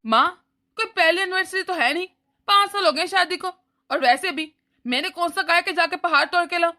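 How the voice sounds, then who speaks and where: A woman voicing an irritable elder brother in an animated cartoon, speaking in an annoyed, lecturing way. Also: very high-pitched, brisk. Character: irritable elder brother, adult man, short-tempered.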